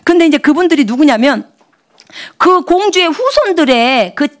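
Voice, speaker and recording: A middle-aged woman missionary preaching a sermon, telling a story with hushed asides and excited outbursts. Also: moderate pace. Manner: animated, shifts between hushed asides and high excited outbursts.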